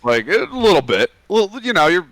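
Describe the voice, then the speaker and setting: A man co-hosting a casual gaming podcast, laid-back and measured, with casual slang. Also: sits high, sing-song, a bit bright, no echo. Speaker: podcast co-host.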